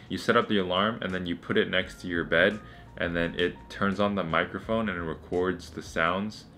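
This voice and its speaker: A man's voice: low-pitched, a bit bright. A young man talking casually to camera as a vlogger. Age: young adult. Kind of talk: casual vlog chat.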